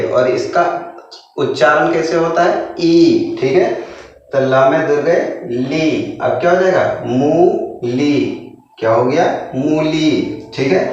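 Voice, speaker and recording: A man teaching a beginner lesson, slowly sounding out syllables and asking and answering his own questions. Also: fairly high pitch. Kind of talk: Hindi literacy lesson. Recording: distant echoey lo-fi room sound.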